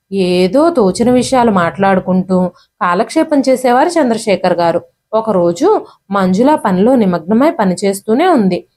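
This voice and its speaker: A woman's voice: medium pitch, a little mellow. A woman reading a scripted family drama story aloud as a storyteller, voicing the characters' lines in her own voice with light shifts.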